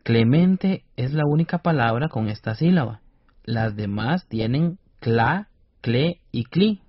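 A man's voice: mid-range voice, expressive, takes it slowly, dry recording. A man co-presenting a scripted educational radio lesson, explaining carefully and over-articulating syllables. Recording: dull dry studio radio recording.

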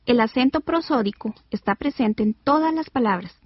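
A woman hosting an educational radio lesson, reading a script clearly and spelling out words slowly. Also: a little high, lively intonation, no echo. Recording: dull lo-fi radio recording.

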